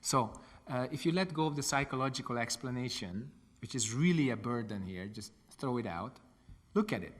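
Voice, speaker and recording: Hungarian-accented monk lecturing in a reverberant hall. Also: male voice, mid-range voice, animated, normal speed. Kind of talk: lecture with question and answer.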